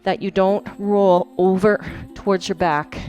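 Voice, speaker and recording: A woman's voice: medium pitch, steady tone, measured pace, a little mellow, rough recording. A woman fitness instructor leading a core workout class, chatty and encouraging and laughing often, demonstrating moves as she talks. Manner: demonstrating moves while talking. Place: fitness studio. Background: background workout music.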